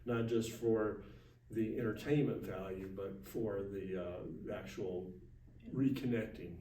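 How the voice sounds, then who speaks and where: A man speaking casually as an organizer being interviewed, halting and repeating words as he goes. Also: fairly low pitch, steady tone, warm tone. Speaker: gathering organizer, interview guest. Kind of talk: casual informal interview talk. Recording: roomy, distant mic, faint noise.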